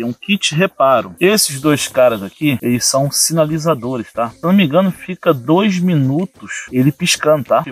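Outdoors at a yard table, a middle-aged man from Brazil walks through his everyday carry items one by one in a relaxed show-and-tell, frequently asking "tá, gente?". His voice is mid-range, with a little hiss or hum in the audio.

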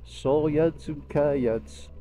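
A motorcycle vlogger from Lancashire, England, with a Lancashire English accent, gives casual, unhurried storytelling commentary while riding outdoors, speaking into a helmet mic. His voice is a little high with a dark tone. Vehicle noise from the moving bike runs throughout.

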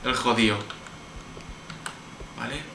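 A man's voice: medium pitch, slow. A man with a Spanish accent from Spain, hosting a horror game let's play, nervous, jumpy and swearing constantly. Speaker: gameplay video host. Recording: roomy, distant mic, background noise.

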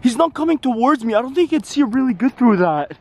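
A young man in his twenties vlogging in a dramatic, excitable way, gasping and constantly calling out to his viewers. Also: very high-pitched, fast talker, vocal fry. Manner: dramatic, gasping, keeps saying "guys". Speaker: YouTuber. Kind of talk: excited vlog narration. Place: outdoors at night, then indoor room. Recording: loud background music.

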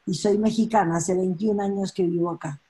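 An older woman from Argentina talks thoughtfully over a laptop webcam from a home office. Her voice is mellow and breathy, and she pauses often to gather her thoughts. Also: mid-range voice, fairly even intonation, poor audio. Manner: thoughtful, reflective, with frequent pauses and fillers. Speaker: coaching expert guest. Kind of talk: webinar conversation. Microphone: laptop webcam on a video call.

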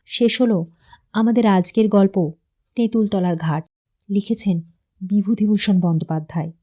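A woman narrating a classic short story in a calm, even reading voice. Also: medium pitch, moderate pace.

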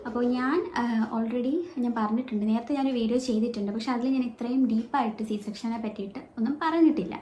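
A woman's voice: a little high, fast talker, dark tone. A woman with a Malayali accent telling a personal story in a casual vlog, chatty and full of fillers, recorded without a microphone. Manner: chatty, explains with many fillers and restarts. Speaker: vlogger. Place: at home with her baby nearby. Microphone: no microphone, phone or camera mic. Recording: echoey room, faint background noise.

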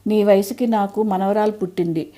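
A woman's voice: mid-range voice, steady tone, brisk, mellow, lightly acted. A woman reading an audio story, voicing a frail, proud elderly mother who chides and teases in homely, old-fashioned speech. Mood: wry chiding.

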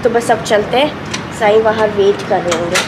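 A woman's voice: mid-range voice, moderate pace. A young woman from Pakistan chatting casually to a phone camera held at arm's length, telling her story in a car and at a salon. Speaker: vlogger. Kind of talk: casual vlog chat to camera. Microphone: handheld phone camera at arm's length. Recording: noisy street and car background.

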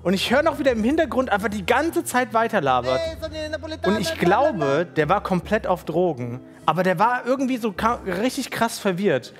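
A man from Germany, a streamer, telling a story in a slangy, animated, casual way. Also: high voice, moderate pace, soft background music. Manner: slangy and animated, acts out quotes.

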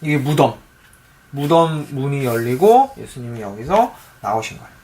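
A man's voice: mid-range voice, sing-song, normal speed, dark tone. A father reading a picture book aloud to his young child, patiently asking her questions as he reads.

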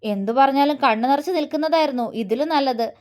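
Woman narrator voicing a stern, teasing young husband; keep it high. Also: brisk, a little mellow, lightly acted. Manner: grave, then teasing and mocking.

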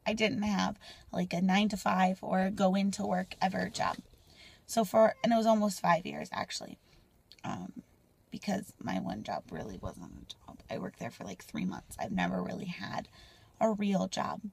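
A woman in her twenties talking candidly to a phone camera in a car, rambling and sometimes dropping to a soft near-whisper. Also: mid-range voice, lively intonation, normal speed, gravelly, slightly rough. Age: 20s. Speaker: mom vlogger. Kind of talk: casual personal vlog. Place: parked car, indoors. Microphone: phone camera at arm's length.

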